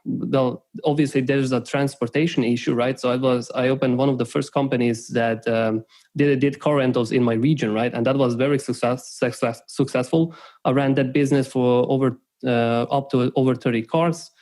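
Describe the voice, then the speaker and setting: A man's voice: medium pitch, steady tone, moderate pace, a little mellow. A young man from Slovenia, a podcast guest, talking casually and rambling, with many restarts and "right?" tags. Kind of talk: casual interview talk.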